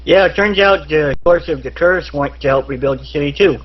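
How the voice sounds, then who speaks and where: A man's voice: on the high side, a little fast. A man playing a tabletop game, speaking earnestly in character, in a dull lo-fi recording. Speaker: player. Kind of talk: casual tabletop game chat.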